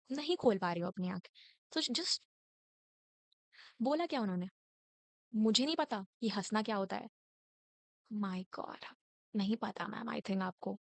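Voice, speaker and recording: A woman in her late teens telling a school story in a casual, indignant way, switching between Hindi and English and mimicking a scolding teacher in sharp raised lines. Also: fairly high pitch, lively intonation, moderate pace, creaky, dry recording.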